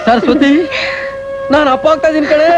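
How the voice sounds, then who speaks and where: An actor playing a loud, commanding eldest brother in a family film drama. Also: male voice, extremely high pitch, fairly even intonation, fairly quick, highs cut off, over loud music. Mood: overjoyed. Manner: loud, commanding, comically broken English. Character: bossy, boisterous eldest brother of the house. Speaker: elder brother of the household, lead.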